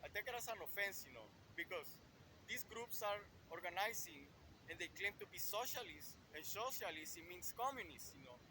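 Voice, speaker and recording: A man's voice: high-pitched, expressive, normal speed. A man from El Salvador, talking outdoors in a rambling street monologue and saying "you know" constantly. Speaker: vlogger. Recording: noisy street with passing traffic.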